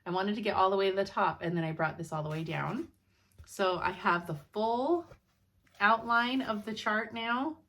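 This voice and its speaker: A woman's voice: medium pitch, moderate pace, a bit bright. Young woman, casual chat, rambling, sleepy, laughs often, at home. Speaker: cross-stitch vlogger.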